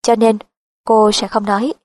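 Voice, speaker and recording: A woman voicing a gracious, pregnant Indian accent teacher who slowly drills English tongue-twisters. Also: medium pitch, little pitch movement, a little mellow, dry recording, natural voice. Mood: instructive.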